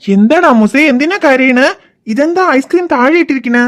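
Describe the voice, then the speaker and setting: A woman voicing a patient, gentle father in a cartoon, coaxing and reassuring his crying child. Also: high voice, lively intonation, brisk, slight background noise. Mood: soothing. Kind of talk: cartoon voice acting.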